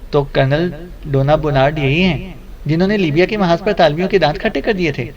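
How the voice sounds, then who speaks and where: A man's voice: a little high, a crowd in the background, lightly acted. Guy reading a cheeky young photographer, glib and playful, lo-fi audiobook.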